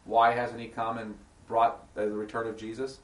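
Reading scripture to a small group, this man teaches an informal Bible study in a monotone, mid-range voice at a moderate pace, adding casual explanations and asking the group check-in questions. His voice sounds distant from the mic in an echoey room.

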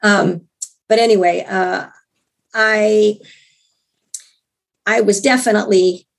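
A hoarse woman with a gravelly voice, recovering from illness, telling a personal story in an interview in a chatty way with many restarts and wry asides. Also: mid-range voice, fairly even intonation, slow pace. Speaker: interview guest.

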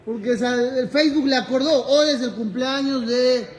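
A man teaching as a rabbi in a lively class, telling a story, acting out its dialogue and joking with his listeners. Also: very high-pitched, normal speed. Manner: animated, jokes with the audience, acts out dialogue. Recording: echoey room with audience.

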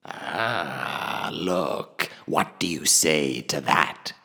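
A man voicing an ancient, huge, boastful male dragon in an audiobook reading, slow and grandiose, swelling to sudden booming lines. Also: vocal fry, sharp tone, slightly rough, long reverb tail, heavily acted. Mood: smug.

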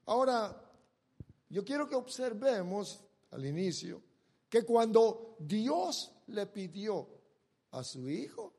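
A man preaching a sermon, retelling a Bible story and acting out the characters' lines, with dramatic jumps between loud bursts and quiet drawn-out words. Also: high-pitched, husky.

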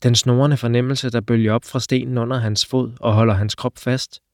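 A man narrating an audiobook with steady, measured storytelling. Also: medium pitch, no echo, studio quality.

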